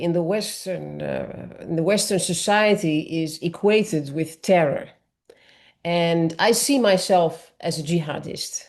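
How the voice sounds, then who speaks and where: A woman's voice: lowish voice, a little mellow. A woman from Morocco, speaking earnestly on a panel discussion and explaining at length with frequent restarts.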